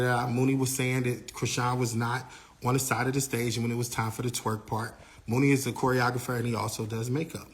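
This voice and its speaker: A young adult man in casual storytelling, animated, repeating himself and acting out what others said. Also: mid-range voice. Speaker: manager telling a story.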